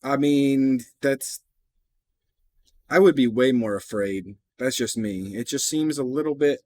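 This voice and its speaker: A man's voice: medium pitch, a little slow, darkish tone, dry recording. A man hosting a reaction video, chatting casually with skeptical asides and the odd swear word.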